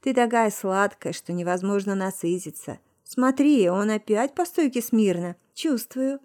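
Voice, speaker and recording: A woman voicing a young man, a hoarse and possessive lover, in a low, hushed audiobook voice. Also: measured pace, lightly acted.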